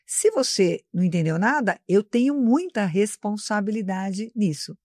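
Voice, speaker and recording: A woman's voice: mid-range voice, animated, normal speed, darkish tone, no echo. Woman guest, professor type, didactic explainer, plain mid voice, dry studio sound. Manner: didactic, explanatory, addresses host by name. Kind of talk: live interview talk. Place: studio, live broadcast.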